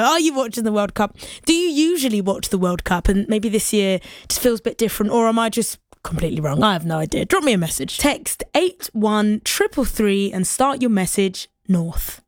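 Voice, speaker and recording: A woman's voice: on the high side, no room sound, studio quality. A woman presenting a local radio show, chatting casually and musing aloud before inviting listeners to text in. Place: radio studio.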